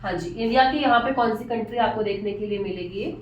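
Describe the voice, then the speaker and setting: A woman's voice: medium pitch, quick pace. A woman teacher lecturing at a board, repeating key terms and asking and answering her own questions. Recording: echoey room from far off.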